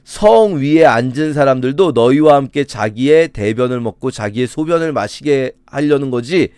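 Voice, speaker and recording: A man's voice: mid-range voice, lively intonation, normal speed, darkish tone, smooth, no room sound, clean studio sound, lightly acted. A man voicing an arrogant enemy general who mocks and taunts in a raised, sneering voice during a sermon. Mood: taunting. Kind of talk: sermon with acted quotes.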